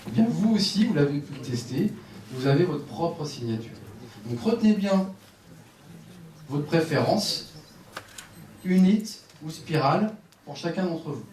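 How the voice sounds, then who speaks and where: Unhurried and pausing often, a man with a fairly high, lively, slightly dark voice guides a sports conference audience through exercises, giving instructions with a joking edge. He's on a headset microphone, yet the echoey room makes him sound far off, with faint noise in the space.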